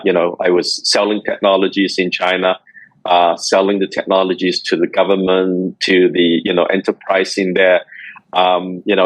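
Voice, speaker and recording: A middle-aged man from Hong Kong answering interview questions in a measured way, with many fillers. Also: low voice, dry recording, poor audio. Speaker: guest, company executive.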